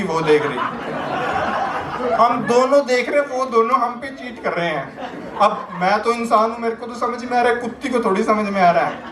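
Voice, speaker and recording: A man's voice: very high-pitched, background noise. A young man performing stand-up comedy, telling stories in a chatty, anecdotal way that builds to punchlines. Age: young adult. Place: comedy stage. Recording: echoey room, voice picked up from a distance.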